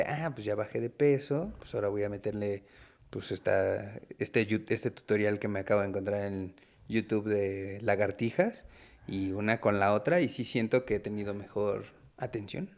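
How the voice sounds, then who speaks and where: Young mexican dude on a podcast, kinda low voice, slangy and jokey, telling his own stories. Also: normal speed. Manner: joking, slangy, tells personal stories. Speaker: podcast co-host. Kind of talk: casual podcast chat.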